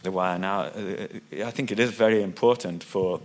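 Hesitant deep-voiced man on a panel. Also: moderate pace. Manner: hesitant, many restarts and fillers, loses thread. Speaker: panelist, music magazine writer. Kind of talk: unscripted panel discussion. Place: conference hall panel.

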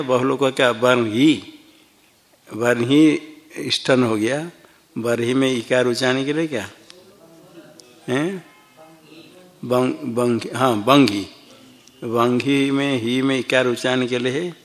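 A man teaching a classroom Sanskrit grammar lesson, explaining each form step by step and quizzing his students as he goes. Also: mid-range voice. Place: ashram classroom.

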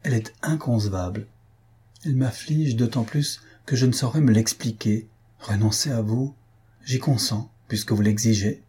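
A man's voice: mid-range voice, moderate pace, warm tone, breathy edge. A man voicing an anxious male fiancé who presses with urgent, insistent questions. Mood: shaken.

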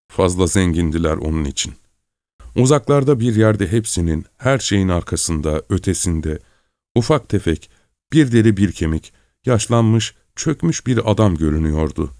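A man with a low voice narrates a literary story in a calm, measured way. The recording is completely dry and close, with no room sound. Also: dry recording. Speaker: audiobook narrator.

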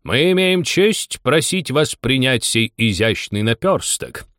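A man's voice: mid-range voice, big pitch swings, slow, fairly bright tone, no echo, clean studio sound, voice pushed up. A man reading a storybook aloud and voicing a pompous, ceremonious dodo bird.

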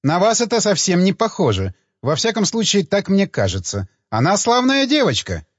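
A man voicing a sharp-tongued, insistent old female actress in an audiobook, scolding and commanding. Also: high voice, wildly swooping pitch, normal speed, breathy edge, no room sound, highs cut off, voice pushed up, heavily acted. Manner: scolding, commanding, stamps her foot.

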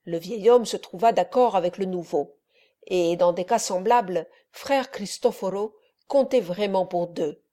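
A woman narrating a classic novel as an audiobook, measured and steady. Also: medium pitch. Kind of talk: scripted literary narration.

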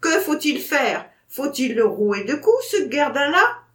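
A woman voicing an exasperated, blustering male gamekeeper with loud, drawn-out exclamations. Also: high-pitched, very animated, echoey room, voice pushed up, heavily acted.

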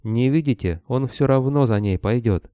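A man's voice: mid-range voice, normal speed, dark tone, clear, resonant tone, no echo, clean studio sound, voice pushed up, lightly acted. A man voicing a scornful red-haired young werewolf woman who scolds sharply. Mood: scolding.

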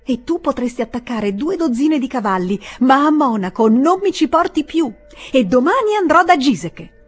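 A woman voicing a proud indignant young woman, shrill and high, husky edge, loud outbursts, audiobook. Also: big pitch swings, moderate pace, faint music behind, exaggerated voice. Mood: outraged. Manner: shrill, outraged, emphatic.

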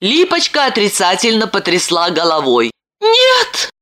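A woman reading an audiobook aloud in an expressive way, acting out the characters' lines as she goes. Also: on the low side, normal speed. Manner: lively, voices characters' lines. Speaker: audiobook narrator.

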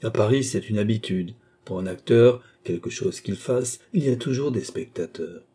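A man narrating a classic novel as an audiobook with a steady, expressive reading. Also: fairly low pitch, moderate pace, breathy edge.

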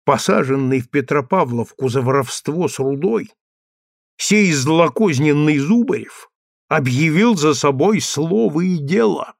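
A man's voice: animated, unhurried, no echo, studio quality, exaggerated voice. A man voicing a stern old craftsman who scolds his wife and frets over dangerous news. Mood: grave. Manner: gruff, scolding, then lowered and secretive. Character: stern, fearful old craftsman, head of the house. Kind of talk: audiobook character voice.

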